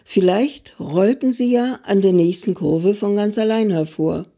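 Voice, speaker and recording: A woman author giving a calm, measured reading of her own story. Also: medium pitch. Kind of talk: literary reading.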